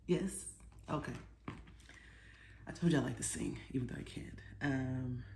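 In her forties, an American woman presents storytime to children, talking casually, encouraging them and asking questions. Her bass voice has a darkish tone and a measured pace. She's indoors in a small home living room, and the room sounds echoey with clear background noise.

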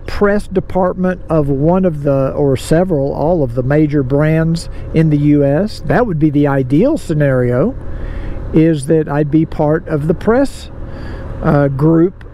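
Motorcycle vlogger, high voice, road noise. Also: male voice, unhurried, warm tone. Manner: frustrated, rambling, conversational. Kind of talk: casual moto vlog monologue. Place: riding a motorcycle outdoors on suburban roads. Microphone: helmet mic. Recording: road and engine noise behind.

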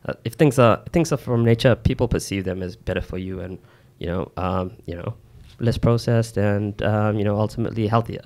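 A man explaining things informally and haltingly as a podcast co-host, close on a studio mic. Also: lowish voice, darkish tone. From New Zealand. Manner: halting, informal, peppered with "you know". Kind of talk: casual explanatory chat. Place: small indoor podcast studio. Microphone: close boom-arm studio mic with headset.

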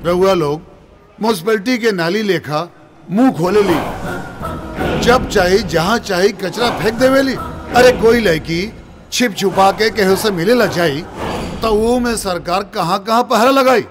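A man's voice: sits high, measured pace. A man acting as an evasive, scornful government minister in a film, speaking with a Bhojpuri accent in pompous, dismissive, broken phrases. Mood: scornful, defensive. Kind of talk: film drama dialogue. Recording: music behind the voice.

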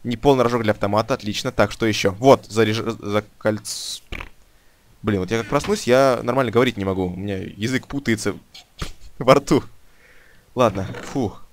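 Excitable young man commentating a game. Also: lowish voice, moderate pace, a little hiss or hum. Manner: excitable, swears and shouts when under attack, mumbles while looting. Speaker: gamer commentating his playthrough. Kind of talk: solo let's-play commentary. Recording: game music loud behind the voice. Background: game music and gunfire.

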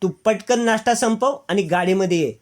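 A man's voice: high voice, moderate pace, voice pushed up, close to an everyday voice. A man reading the lines of a fussy, boyish young husband who is prim and pleased with his routine. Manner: prim, self-satisfied about routine.

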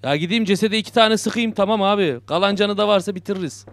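Fast-talking and high-voiced, with a fairly bright tone, this young gaming YouTuber jokes and mutters his way through a horror game. Sudden scares make him yelp.

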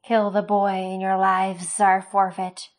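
A woman voicing a cold, menacing inhuman male creature in a storybook reading, who speaks slowly and measures out his threats. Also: medium pitch, monotone, lightly acted.

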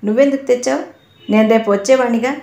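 A woman's voice: a little high, fairly even intonation, fast talker, warm tone, roomy sound, pitched above the performer's own voice, lightly acted. A woman storyteller voicing a proud, reserved young man who speaks in short phrases, in an audio novel. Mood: irritated.

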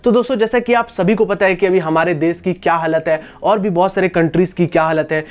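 Over lo-fi sound, a fast-talking young man speaks in a high, smooth, steady voice. He's in his twenties, has an Indian accent, and explains things to his YouTube viewers on a lapel mic in a small indoor room against a wall.

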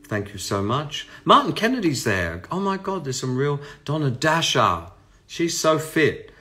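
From his home room lit with party lights, an Australian musician in his sixties chats casually with his livestream viewers, rambling and affectionate, talking close into a phone camera. His fairly high voice swings widely in pitch at an unhurried pace, and guitar music plays loudly behind him.

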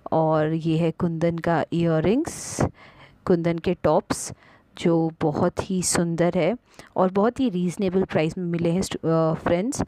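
Slow, low-voiced woman shopping vlogger. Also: dark tone, no room sound, rough recording. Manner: chatty, mixes Hindi and English, frequent "uh" fillers. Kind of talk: casual vlog narration.

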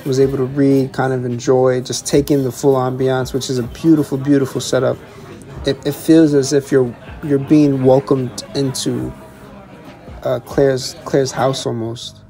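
Young guy chef going course by course, pretty flat voice, mellow, keeps repeating himself when excited. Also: medium pitch, unhurried. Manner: enthusiastic, repeats words, restarts. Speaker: chef and food vlogger. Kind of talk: casual narration of a tasting menu.

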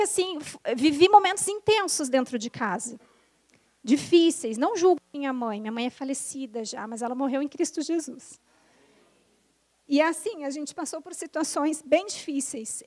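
Young woman, high voice, conversion testimony, animated storytelling, acts out dialogue. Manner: emotional, intensifying at the climax.

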